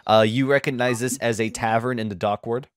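A man narrating as game master for a tabletop game, pausing often with ums and uhs. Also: medium pitch, fairly even intonation, no echo, studio quality. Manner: halting, with many ums and uhs.

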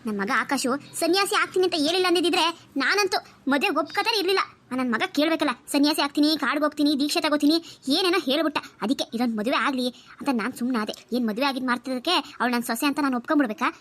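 A woman voicing a scheming older aunt and mother-in-law in a cartoon, speaking in a low, bossy, conniving way. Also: rapid-fire, a bit bright. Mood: soothing. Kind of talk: Kannada cartoon voice acting.

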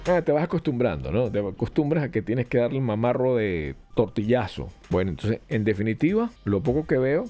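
A man's voice: medium pitch, very animated, brisk, few pauses, warm tone, soft background music. A man hosting a podcast, giving a casual, rambling hands-on review of a mixer and testing it aloud. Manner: rambling, chatty, tests gear aloud.

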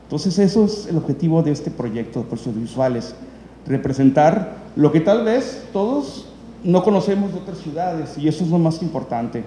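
The host here is a man whose slightly high, warm voice has lively intonation and a moderate pace. He introduces documentaries at an event, wandering through his remarks with frequent fillers and restarts, while the hall echoes and faint room noise lingers.

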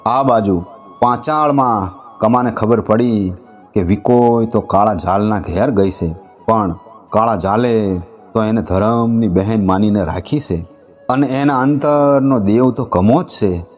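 A man narrating a folk tale in a slow, sing-song way. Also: on the low side, soft background music. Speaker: folk storyteller.

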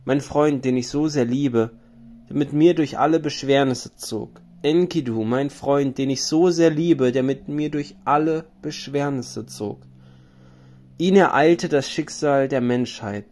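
A man's voice: mid-range voice, a little slow, a little mellow, lightly acted. Male reader as a mourning wandering hero king in an audiobook epic, solemn and lamenting. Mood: grieving.

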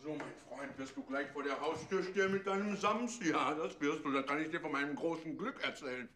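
A man's voice: on the high side, a little fast, over music, close to an everyday voice. An actor playing a self-satisfied, chatty man given to talking to himself in a film comedy. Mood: smug, scheming. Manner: asks and answers his own questions. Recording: clear ambient noise behind.

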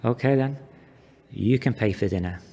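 Cocky flirting man, husky and mellow. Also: medium pitch, measured pace, in a large hall. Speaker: actor in a scene. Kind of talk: scripted drama scene.

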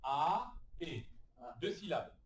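A man teaching adults to read in a classroom, encouraging and sounding out each syllable slowly. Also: fairly high pitch, very animated, recorded from a distance, background noise. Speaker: literacy teacher. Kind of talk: classroom phonics lesson. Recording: echoey room, recorded from afar.

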